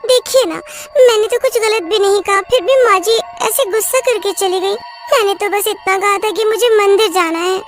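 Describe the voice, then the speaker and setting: A woman voicing a cheerful, skeptical young bride who talks in a bright, teasing way. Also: very high voice, normal speed, soft background music, voice pushed up. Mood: pleading.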